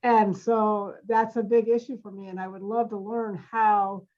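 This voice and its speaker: A woman's voice: medium pitch, flat delivery, unhurried. Congested woman on dull, lo-fi audio. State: congested, talking through her nose. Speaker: participant asking a question.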